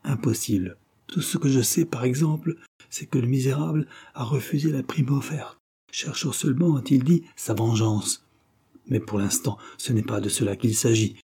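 A man's voice: medium pitch, moderate pace, warm tone, husky, voice pushed up. A man doing a faint frightened young girl. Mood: pleading. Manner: faint, pleading.

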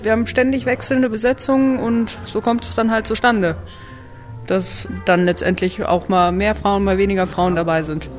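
Relaxed young woman musician, casual talk. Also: mid-range voice, moderate pace, faint music behind. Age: 20s. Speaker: saxophonist in a youth big band. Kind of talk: interview answers.

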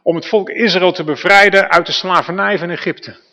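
God talking plain and friendly, as a preacher puts him on, bright high voice, church reverb. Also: male voice, steady tone, moderate pace. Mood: plain, insistent. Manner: casual everyday speech, like a friend. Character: patient, frank God speaking plainly.

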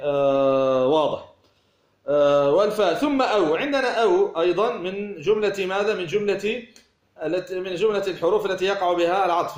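Male grammar teacher with a slightly high voice, lecturing through examples in a roomy, echoing space. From Tunisia. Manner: explains with worked examples and rhetorical questions. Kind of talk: classroom lecture. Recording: echoey room.

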